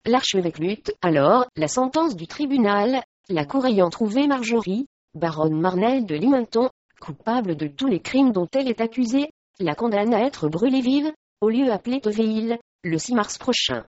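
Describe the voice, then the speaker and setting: A woman's voice: fairly high pitch, lively intonation, normal speed, a little mellow, dry recording. Woman reading a storybook, dull recording. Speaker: narrator. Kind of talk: scripted storybook narration.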